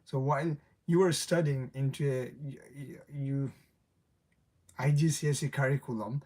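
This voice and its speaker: On a casual late-night livestream, a young male host with a mixed accent, not a native English speaker, rambles in a warm, medium-pitched voice. His pace is moderate and his intonation fairly even, and he corrects himself and chuckles often.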